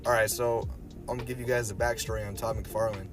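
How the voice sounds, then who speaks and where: A man's voice: lowish voice, fairly even intonation, fast. A man hosting a podcast, chatting casually and telling rambling stories full of slang and swearing. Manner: slangy, profane, rambling storyteller. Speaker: podcast host. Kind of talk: casual fan chat about pop culture. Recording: music behind the voice. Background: music.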